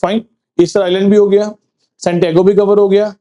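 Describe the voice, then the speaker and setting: A male teacher quizzing a class for exams, repeating answers and slowing down to read English facts. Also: high voice, flat delivery, mellow. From Punjab, India. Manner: quizzing, asks then answers with "sir", slows for reading English facts. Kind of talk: classroom exam-prep lecture.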